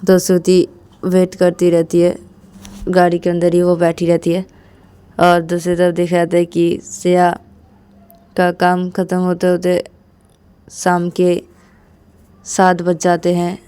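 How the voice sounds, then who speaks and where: Mellow woman storyteller, casual narration, channel host. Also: on the low side, completely flat delivery, measured pace, pauses often, smooth. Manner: plain, repetitive linking with "to tabhi".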